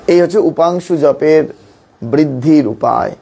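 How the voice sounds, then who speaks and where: A man with a notably high voice gives a devotional teaching as a monk. He speaks in calm, measured phrases and repeats words for emphasis. His voice often sinks low and slows on the points that matter most. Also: creaky, slightly rough. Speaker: monk teaching spiritual practice.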